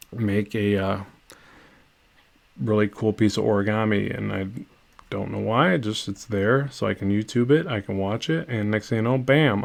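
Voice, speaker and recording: A man's voice: fairly low pitch, creaky. A middle-aged man chatting casually and rambling while painting on a live stream from his home studio. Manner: rambling, self-deprecating, many restarts.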